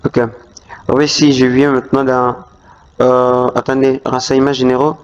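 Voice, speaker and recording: This YouTube tutorial host walks through a screen recording, often stumbling with fillers and starting over. He talks at a normal speed with a flat delivery and medium pitch, captured in a dull, lo-fi voice-over.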